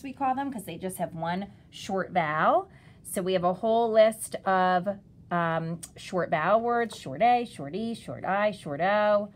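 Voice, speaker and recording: A woman with a medium-pitched voice speaks as a kindergarten teacher. She walks parents through instructions in simple steps. Some faint noise and room ambience sit behind her. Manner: simple step-by-step explaining, sounding out words.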